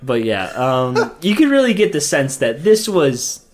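A man's voice: mid-range voice, big pitch swings, unhurried, background noise. A man co-hosting a podcast in casual chat, rambling and profane, laughing often. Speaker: podcast co-host.

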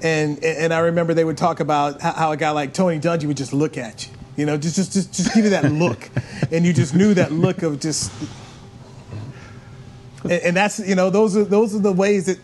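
A man's voice: fairly high pitch, steady tone, normal speed, darkish tone, slight background noise. An American man hosting a sports radio show with casual chat.

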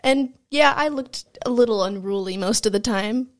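A woman's voice: on the high side, moderate pace. Giggly young woman rambling on a podcast. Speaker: podcast co-host. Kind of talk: casual chat.

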